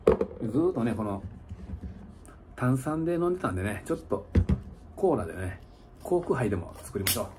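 Speaking in a sing-song, medium-pitched voice at a fairly quick clip broken by long pauses, a middle-aged man with a Kansai accent addresses viewers like a livestreamer. He's a motorcycle touring vlogger, slightly tipsy after an hour of drinking, rambling, chuckling and making offhand asides in a small indoor lodging room with noticeable background noise.

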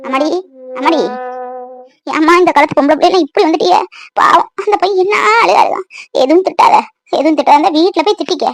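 A woman's voice: extremely high pitch, fast talker, pauses often, faint music behind. A woman voicing a grumbling old village woman in a cartoon, lamenting and scolding young wives about the old days. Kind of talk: cartoon voice acting.

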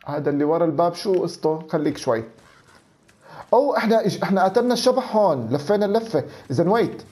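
Male streamer, thirties, Levantine accent, high and very animated, exclaiming game commentary. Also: fast talker, slight background noise. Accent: Levantine Arabic. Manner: animated, exclaiming, talking to himself. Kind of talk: excited let's play commentary, switching between Arabic and English.

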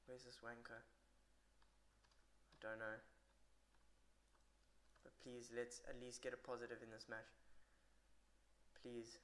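A man's voice: medium pitch, monotone, slow pace, long pauses, fairly bright tone, slight background noise. A tired man giving rambling, irritable live commentary on his own match and swearing a lot. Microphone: poor computer mic.

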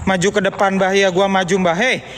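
A man with streaming a ghost hunt, nervously calling out into the dark on a handheld phone. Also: high voice, flat delivery, a little fast. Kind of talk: live ghost-hunting stream. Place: empty haunted building indoors. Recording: reverberant hall with faint noise.

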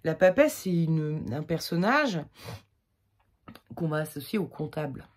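Low, slightly husky woman, casual tarot reader, rambles with fillers and laughs at her own slips. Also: big pitch swings, unhurried. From France. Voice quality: slightly husky, irritated throat. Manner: chatty, rambling, many fillers and self-corrections. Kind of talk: casual weekly tarot reading.

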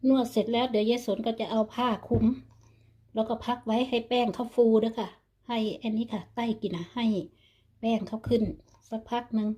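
A woman's voice: fairly high pitch, warm tone, husky. An older woman, narrating a home cooking vlog and chatting to viewers like friends. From Thailand. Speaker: vlogger. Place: home kitchen.

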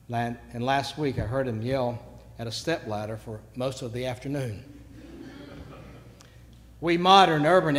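A man preaching a sermon, telling stories and moving between quiet asides and sudden loud bursts. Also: medium pitch. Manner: storytelling, swings from quiet to shouting. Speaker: pastor. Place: church sanctuary. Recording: long church reverb.

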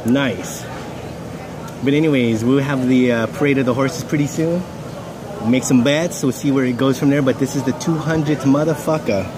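A man's voice: medium pitch, normal speed, a crowd in the background. A man co-hosting a casual show at an outdoor racetrack terrace, bantering loosely and swearing. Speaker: podcast co-host. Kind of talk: casual chat. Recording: outdoor noise in background.

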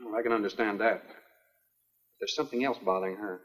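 An actor playing a fast-talking blunt sea captain. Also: male voice, fairly low pitch, steady tone, noisy background, natural voice. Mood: easygoing. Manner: plain-spoken, wry. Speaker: ship captain. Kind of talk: 1950s film acting.

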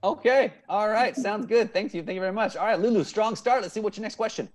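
A quick-paced man with a voice that sits high hosts a playful game show via video call from an indoor room at home. He's in his thirties, teaches improv, and stays upbeat, often repeating what players answer.

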